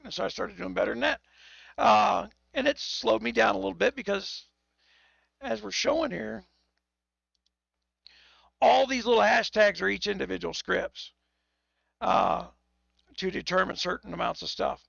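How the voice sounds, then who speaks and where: A hoarse, tipsy man hosts a live game stream, rambling and swearing through restarts. His voice sits high and is heavily gravelly. The audio is dull and dry, like a lo-fi stream mic. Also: expressive, normal speed, pauses often, fairly bright tone, no echo. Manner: rambling and profane, with many restarts. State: tipsy from whiskey. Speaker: game livestreamer.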